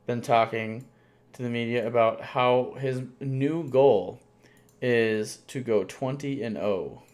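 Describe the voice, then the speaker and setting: A man's voice: mid-range voice, slow pace, darkish tone. A man co-hosting a sports podcast in casual chat, rambling with lots of fillers and restarts. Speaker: podcast co-host.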